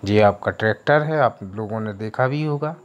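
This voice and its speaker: A man teaching an online English lesson, reading English slowly word by word and then explaining it in Hindi. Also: lowish voice, highs cut off.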